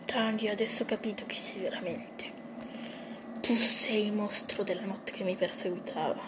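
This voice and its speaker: A woman's voice: medium pitch, steady tone, moderate pace, background noise, close to an everyday voice. Woman doing a deluded killer mouse brother. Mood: insistent. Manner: insistent, self-righteous. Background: music.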